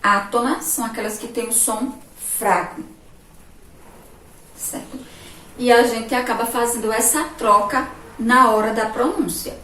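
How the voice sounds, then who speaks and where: A woman's voice: fairly high pitch, sharp tone. A Brazilian woman teaching a remote lesson to young children, speaking patiently and asking them frequent questions, recorded from a distance with a faint background ambience. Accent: Brazilian Portuguese. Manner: slow, patient, asks questions often. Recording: roomy echo, distant mic, faint noise.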